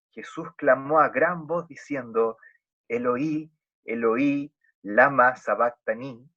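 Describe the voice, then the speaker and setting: A man with a Chilean Spanish accent preaching an earnest, emphatic sermon with dramatic pauses. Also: mid-range voice, a bit bright, breathy edge. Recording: dull lo-fi recording.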